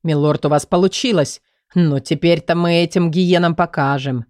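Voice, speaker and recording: A woman voicing an eager, loyal male servant who speaks with excited disbelief. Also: fairly high pitch, normal speed, no echo, studio quality, natural voice.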